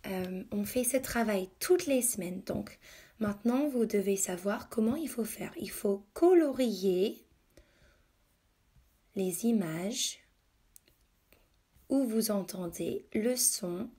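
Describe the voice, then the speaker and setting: A woman teaching a phonics lesson to young children, sounding out words slowly with over-articulated, emphatic syllables. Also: medium pitch, animated, dark tone.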